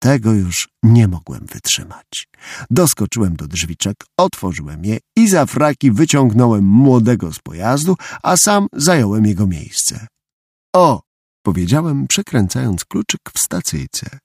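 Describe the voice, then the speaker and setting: A man's voice: fairly low pitch, big pitch swings, a little slow, darkish tone, husky, no room sound. A man narrating a first-person audiobook in a wry storytelling tone, recorded dry and close to the mic.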